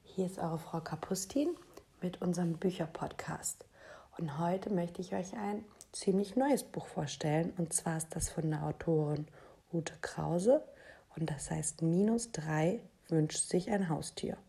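A teacher presenting a school book podcast for first graders and reading a children's book aloud in a clear storytelling manner. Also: female voice, on the low side. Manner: warm-hearted, slow, clear storytelling for young children.

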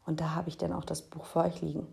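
A teacher presenting a school book podcast for first graders and reading a children's book aloud in a clear storytelling manner. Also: female voice, low voice, little pitch movement. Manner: warm-hearted, slow, clear storytelling for young children.

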